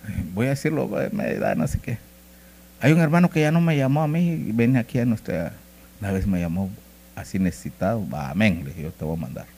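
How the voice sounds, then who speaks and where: A male pastor, preaching a sermon in a folksy, joking storytelling way, swinging between loud bursts and hushed asides. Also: medium pitch, vocal fry.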